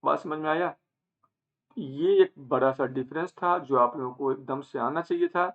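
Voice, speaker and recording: A man teaching an online lecture, asking questions and answering them himself, with English terms mixed in and some phrases drawn out slowly. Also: fairly high pitch. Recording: phone-like narrow band.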